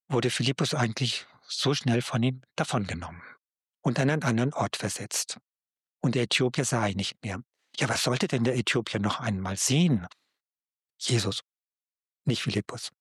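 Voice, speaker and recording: Male preacher, husky voice, dry close sound, warm direct address to the listener. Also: medium pitch, no room sound. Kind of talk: devotional Bible talk.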